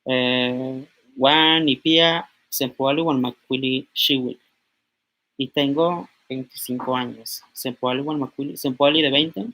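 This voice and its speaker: Brief: man in his twenties from Mexico, bright voice, unhurried teacher who repeats each word. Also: medium pitch, steady tone. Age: 20s. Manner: slow, repeats words aloud while writing on a board. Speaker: language teacher. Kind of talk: informal language lesson.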